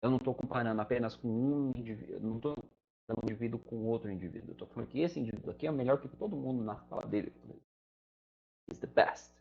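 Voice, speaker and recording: A man's voice: mid-range voice, very fast, gravelly, dull audio. A man with a Brazilian Portuguese accent explaining grammar to students in a chatty, conversational way, often checking in with the listener. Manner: conversational, fillers like "né" and "tá". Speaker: English teacher.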